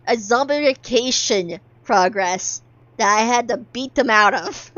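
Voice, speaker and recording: A young woman with a squeaky, childlike voice chatting casually while streaming a game, rambling with lots of fillers and restarts. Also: measured pace, a bit bright, no echo, highs cut off. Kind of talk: casual chat while gaming.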